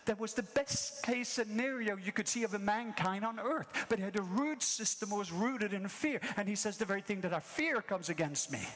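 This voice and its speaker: Norwegian-born preacher in a reverberant hall. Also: male voice, high-pitched, expressive, moderate pace, few pauses, fairly bright tone. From Norway. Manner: impassioned, repetitive preaching cadence. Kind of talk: sermon.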